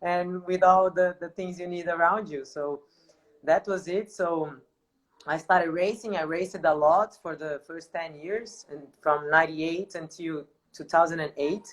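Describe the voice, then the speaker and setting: A woman's voice: lowish voice, fairly even intonation, unhurried, rough recording. A middle-aged Brazilian woman, a native Portuguese speaker with a Brazilian accent, telling personal stories casually in a video-call interview. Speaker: adventure racer being interviewed.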